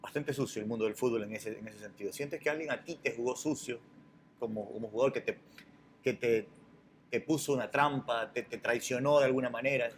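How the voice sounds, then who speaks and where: A mid-pitched man with an Ecuadorian accent co-hosts, asking long, winding questions about football. A faint noise runs behind his voice. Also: a little fast. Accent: Ecuadorian Spanish. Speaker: co-host. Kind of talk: interview questions.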